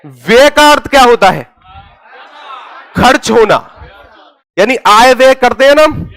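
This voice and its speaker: A man teaching a Hindi grammar class, asking his students questions and answering them himself, with loud stresses on key words. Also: very high-pitched, lively intonation, a little slow.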